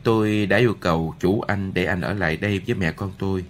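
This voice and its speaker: A man voicing a gentle, kind noblewoman and mother in an audiobook, speaking softly. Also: sits low, fast talker, slight background noise, close to an everyday voice. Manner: soft, gentle.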